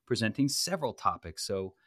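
A man's voice: on the low side, brisk, no room sound, clean studio sound. A man hosting a podcast, chatting casually and pointing listeners to the show notes. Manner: relaxed, chatty, promotional. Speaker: podcast host.

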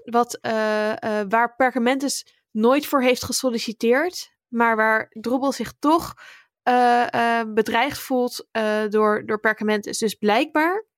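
A woman from the Netherlands co-hosting a podcast, lively and asking the questions in casual chat. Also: a little high, a little slow, dry recording, studio quality. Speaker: podcast co-host.

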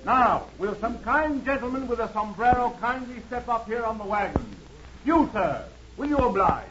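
High-pitched old-time western medicine-show huckster. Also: male voice, expressive, moderate pace. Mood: showy, grand. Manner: grandiose barker patter, projected. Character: Eddie Morongo, showy traveling magician and elixir huckster. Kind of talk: old radio western acting. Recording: muffled old radio recording, faint noise.

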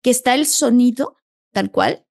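A woman hosting a podcast, chatting with enthusiasm and putting ideas in plain, simple terms. Her voice sits fairly high and is recorded dry and close. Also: measured pace, creaky, darkish tone, no room sound. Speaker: podcast host. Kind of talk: casual spiritual conversation.

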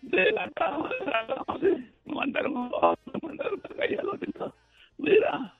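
A man calling in to a radio show from a hospital bed, heard over a phone line, talking loudly and excitedly. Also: extremely high pitch, moderate pace, creaky, faint music behind. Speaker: radio call-in listener.

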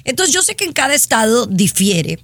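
Host: woman, animated and exasperated, fairly high voice, dry close sound. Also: normal speed, no echo. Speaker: show host. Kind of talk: casual chat. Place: in Florida.

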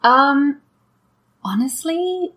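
A woman's voice: sits high, animated, drawn-out words, fairly bright tone. A woman in her thirties with an English Home Counties accent, chatting informally as an interview guest. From Kent, England. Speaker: podcast guest. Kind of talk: casual conversational interview.

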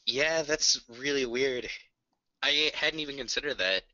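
A man's voice: mid-range voice, unhurried, sharp tone, lo-fi sound. A man co-hosting a podcast, telling an enthusiastic, earnest story in casual music chat. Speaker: podcast co-host.

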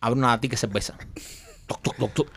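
A man's voice: medium pitch, steady tone, fast talker, a bit bright, slight background noise. A man telling a funny story in casual chat, acting out the quotes and laughing often.

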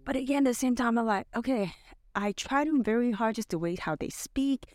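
In a clean studio recording with no room sound, a podcast co-host chats casually, spinning stories and rambling with lots of fillers. She's middle-aged, grew up in Canada with Mandarin as her first language, and speaks in a slightly high, animated voice at a fairly quick pace.

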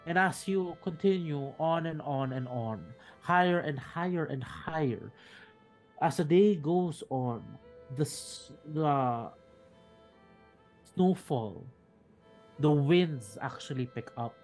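A man narrating a tabletop game as dungeon master, halting and restarting mid-sentence. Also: fairly high pitch, a little mellow, soft background music. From Philippines.

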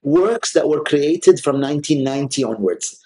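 An Arabic-speaking man, guest on a conversational interview as an art collector, talks at a moderate pace in a fairly high, expressive, darkish voice. He sounds hesitant, restarting often and using lots of fillers. A little hiss or hum sits under the recording.

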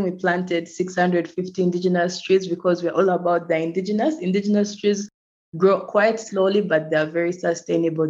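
A woman's voice: lowish voice, darkish tone. A young woman from Uganda, a climate activist, talking earnestly as a podcast guest and laughing easily. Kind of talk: podcast interview over a call. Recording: dull lo-fi remote audio.

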